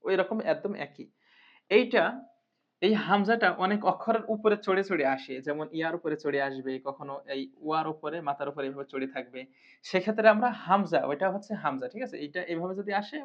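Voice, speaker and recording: In a recorded Quran reading lesson, a woman patiently repeats and drills each sound. Her voice is fairly low and brisk, and the lo-fi recording is muffled.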